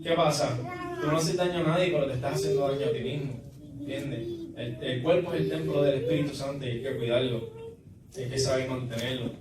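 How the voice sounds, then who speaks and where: A young man giving a church testimony, halting and repeating his words as he tells his story. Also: mid-range voice, fairly even intonation. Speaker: testimony giver. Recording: echoey room, distant mic, noisy.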